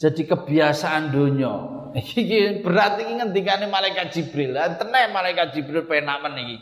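High-voiced Javanese teacher in an echoey hall. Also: male voice, animated, moderate pace. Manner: explains terms aloud, mixes recited Arabic with casual local asides. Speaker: Islamic kitab teacher. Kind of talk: religious kitab study lesson. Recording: echoey hall with long reverb.

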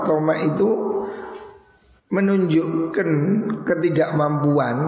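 Gravelly cleric in an echoey hall. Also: male voice, fairly high pitch, a little mellow. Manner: folksy, teasing, mixes Javanese asides. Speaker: cleric teaching a religious text. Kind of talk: religious study lecture.

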